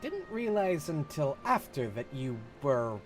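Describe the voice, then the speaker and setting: A man's voice: a little high, very animated, measured pace, soft background music. A man voicing a weary, dutiful male soldier from a video game in an earnest, plain-spoken way. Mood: earnest, apologetic. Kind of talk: video game dialogue read aloud in character.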